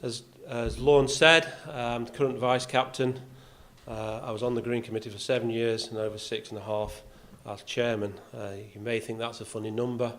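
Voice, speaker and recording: Here an older Yorkshireman, faintly accented, delivers a talk to a clubhouse function room crowd as vice captain of the golf club. He speaks at normal speed in a level, mid-range voice that is a bit bright, sprinkling in "uh"s and dry humour at his own expense.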